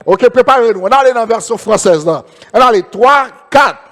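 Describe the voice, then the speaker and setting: Haitian-accented male preacher, very high voice, long church reverb, repeats lines, amen calls. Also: animated, a little fast, fairly bright tone. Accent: Haitian Creole. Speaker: pastor. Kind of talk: sermon.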